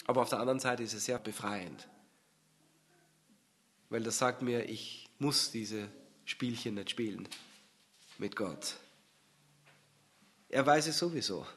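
Slow, earnest male preacher. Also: medium pitch, a little hiss or hum. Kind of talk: sermon with scripture reading.

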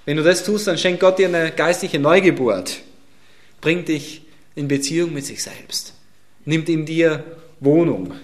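A man preaching a sermon in a fairly high voice. He drives each point home with repeated phrases, then drops to a hush before rising to loud emphatic lines again. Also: a little slow. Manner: swings from emphatic loud lines to hushed near-whispers.

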